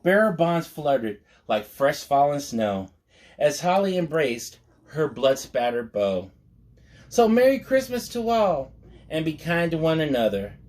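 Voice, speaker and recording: A man with a rather high-set, slightly mellow voice reads a picture book in a sing-song, unhurried way. Playful throughout, he delivers the rhymes expressively and adds homespun, offhand comments for his listeners.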